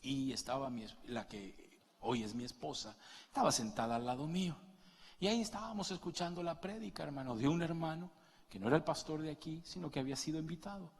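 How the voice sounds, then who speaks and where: A middle-aged man preaching a sermon, moving between quiet asides and loud, passionate peaks as he calls his listeners brother. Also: fairly high pitch, a little fast, husky. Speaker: pastor. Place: church hall. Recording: long reverb of a large hall.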